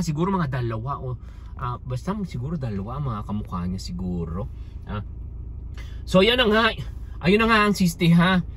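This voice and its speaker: Hoarse, theatrical male vlogger. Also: sits high, a bit bright, a little hiss or hum. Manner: theatrical, exclamatory, constantly tossing in questioning asides. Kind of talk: casual street vlog chatter.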